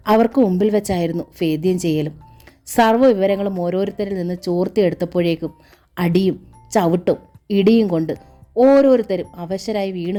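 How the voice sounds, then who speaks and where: A woman narrating a serialized novel in a steady, measured storytelling voice. Her pitch is middling and unremarkable, and soft music runs faintly underneath.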